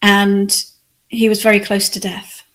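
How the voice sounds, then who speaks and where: A woman from England, reflecting on her life as an interview guest in a soft, thoughtful way. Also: mid-range voice, completely flat delivery, measured pace. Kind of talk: conversational interview.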